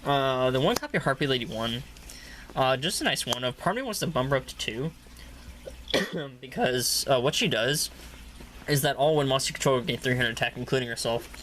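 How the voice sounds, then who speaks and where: Bright-voiced man rambling about his deck. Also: medium pitch, lively intonation, a little fast, slight background noise. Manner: rambling, many filler uhs, repeats "really, really". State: coughing now and then. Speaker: card game deck reviewer. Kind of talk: casual deck profile talk.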